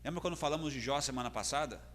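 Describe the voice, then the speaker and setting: Brazilian man, pastor's sermon, bright forceful tone, long hall reverb. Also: medium pitch, very fast. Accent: Brazilian Portuguese. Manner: earnest preaching, rising in intensity. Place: church hall.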